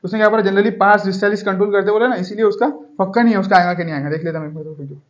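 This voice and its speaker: Racing along in a high pitch, a male biology teacher quizzes his Hindi-speaking class with repeated call-and-response questions, asking them to call out the answers. The recording is roomy and muffled.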